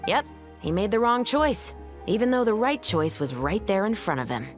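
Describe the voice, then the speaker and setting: An actress playing a calm, principled female police captain in a game, talking in a level, matter-of-fact way. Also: medium pitch, moderate pace, faint music behind, lightly acted. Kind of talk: game cutscene dialogue and story retelling.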